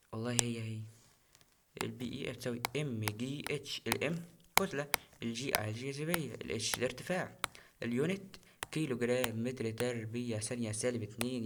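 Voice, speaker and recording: With a noisy background behind him, a young man speaking in a mid-range voice and an Egyptian Arabic accent records a physics exam-prep lesson. He tutors in a casual, chatty style, repeating important terms.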